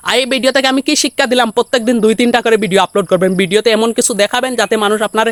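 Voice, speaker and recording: Young man, very high voice, dry close sound; vlogger who checks in with viewers. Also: steady tone, fairly bright tone, no echo. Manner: keeps asking viewers if they understand; says he usually talks fast. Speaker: social media tips vlogger. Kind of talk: instructional vlog to viewers.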